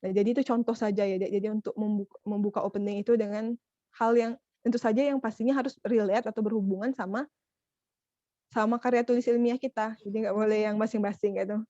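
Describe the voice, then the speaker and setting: Young woman coaching students over a video call, mellow voice, kinda muffled, chatty. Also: mid-range voice, fairly even intonation, quick pace, dry recording. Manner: chatty, addresses listeners as "Dek". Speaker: trainer. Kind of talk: online workshop talk.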